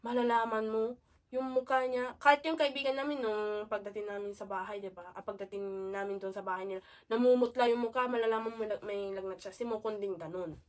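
A woman's voice: medium pitch, fairly even intonation, fairly quick, recorded from a distance. A woman vlogger chatting casually to her viewers while sick with a cold and cough, often calling out to them. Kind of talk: casual chat to camera.

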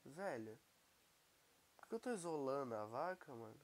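A young man with a Brazilian Portuguese accent talks through his gameplay in a loose, chatty way. He keeps breaking into excited exclamations at what he sees on screen. He has a cold, and his voice sits at an ordinary middle pitch. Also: moderate pace. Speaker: gaming YouTuber. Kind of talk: casual gameplay commentary.

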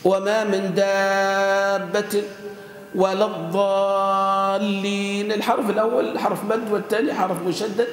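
A man teaching grammar to a class, speaking, repeating and stretching out word forms slowly and quizzing his students. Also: sits high, darkish tone. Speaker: sheikh teaching Arabic grammar. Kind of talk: classroom grammar lesson with student call-and-response. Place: lecture hall with students. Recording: echoey hall with faint ambient noise.

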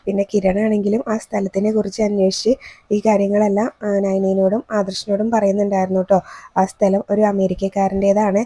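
A woman's voice: mid-range voice, flat delivery, fairly quick, dark tone, slightly rough, no room sound. A woman hosting a serial review channel, retelling the plot in a chatty, casual way and often adding a friendly "you know" tag. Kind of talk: fast casual plot recap.

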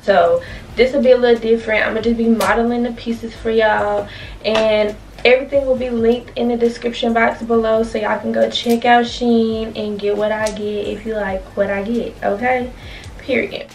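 A woman's voice: a little high, normal speed, vocal fry. A young woman vlogger, a little out of breath, chatting casually and slangily to her viewers. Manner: slangy, animated, talks straight to viewers. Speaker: beauty and fashion vlogger. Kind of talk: casual chatty intro to camera. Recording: distant mic, faint background noise.

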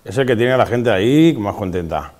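A man's voice: lowish voice, lively intonation, a little fast, a little mellow. A middle-aged man, a DJ, telling his colleagues and students a story in a firm, matter-of-fact way during a casual chat. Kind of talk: casual conversation. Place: large school room.

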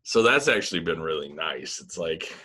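In a casual video-call interview, a thirtysomething musician guest with a very low, slightly rough voice speaks at normal speed. He rambles in a relaxed way, full of fillers like "you know" and "like," using his laptop mic in a small room with blinds.

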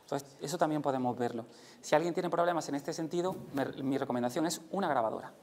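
A man with a Spain Spanish accent giving a live lecture to an audience, lively and demonstrative, jumping his voice up and down to show emotions. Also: quick pace. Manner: lively, demonstrates voices with big pitch jumps. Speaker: conference speaker. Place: lecture room.

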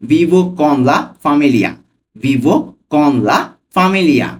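Man teaching Italian phrases slowly. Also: on the high side, animated. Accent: Bangladeshi Bengali. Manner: breaks phrases into words and repeats them slowly. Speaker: language teacher. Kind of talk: language lesson.

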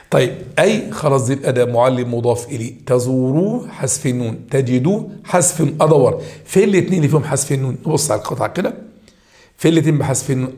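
A man with an Egyptian accent teaches a grammar lesson at a quick clip. His voice sits at a medium pitch, and he talks emphatically, hammering key points home and addressing his students directly. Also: warm tone. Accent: Egyptian Arabic. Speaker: high school Arabic teacher. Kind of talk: walking through grammar homework answers.

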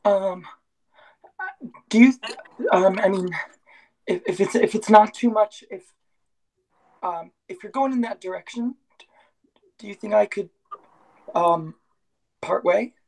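Picture a shy teenage greaser boy who stammers and stalls, in a school production. The voice is dark, with a gravelly fry, and the delivery creeps along very slowly. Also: mid-range voice, heavily acted, poor audio. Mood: timid. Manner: halting, hesitant, stammering. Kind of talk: school play read remotely.

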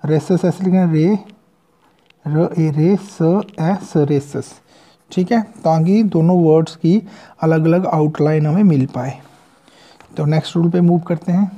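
A teacher walks through a shorthand lesson in a slow, measured way, pausing to spell each word out sound by sound. The voice is very dark and mellow, and the pitch sits in a middle range. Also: dull audio. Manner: patient step-by-step explaining, spelling words out sound by sound. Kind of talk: recorded lesson.

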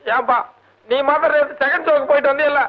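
A man's voice: very high-pitched, steady tone, fast talker. A young actor playing a cheeky lad who teases a girl and dodges a scolding. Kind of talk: 1980s film acting. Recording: dull old film soundtrack.

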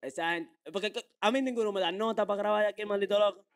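A man's voice: high-pitched, fast. A young man with a Dominican Spanish accent, giving a brash, slangy interview and repeating phrases for emphasis. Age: young adult. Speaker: interview guest. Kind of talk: casual street-slang interview. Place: small furnished room indoors. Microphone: handheld microphone held out by interviewer.

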